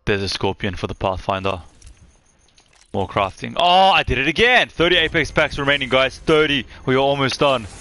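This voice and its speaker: A young man streaming live from his room on a headset mic, chatting excitedly as he opens game loot. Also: mid-range voice, moderate pace. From Australia.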